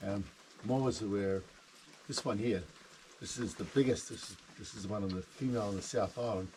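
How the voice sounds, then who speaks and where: A man's voice: on the low side, moderate pace, darkish tone. A man guiding a tour, chatting and explaining informally with jokey asides. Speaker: cave tour guide. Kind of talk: informal guided tour commentary. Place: on a walking tour, recorded live. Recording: clearly noisy live tour recording.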